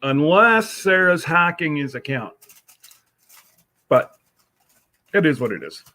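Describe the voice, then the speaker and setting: A congested middle-aged man hosting a livestream from home, chatting casually in a slow, rambling way with many fillers. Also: a little high, big pitch swings, bright, forceful tone. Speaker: livestream host.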